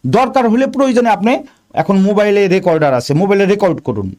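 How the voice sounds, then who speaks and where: Man, exam coach, lively rising and falling voice, emphatic, repeats points, speaks straight to the listener. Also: high-pitched. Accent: Bangladeshi Bengali. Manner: repetitive, emphatic, addresses the listener directly. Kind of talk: spoken lesson on viva preparation.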